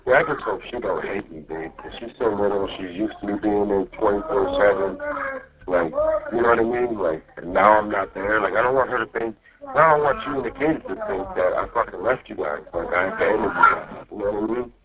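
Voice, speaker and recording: On a muffled jail phone line where faint music can be heard, an inmate with a fairly low voice talks fairly quickly to his partner. His venting is casual and profane, rambling along and repeatedly tagged with "you know what I mean" to make sure he's followed.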